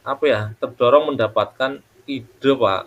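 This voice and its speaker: A man's voice: medium pitch, unhurried, lo-fi sound. A man, a teacher in a coaching role-play, talking deferentially and thanking his colleague, with some hesitation.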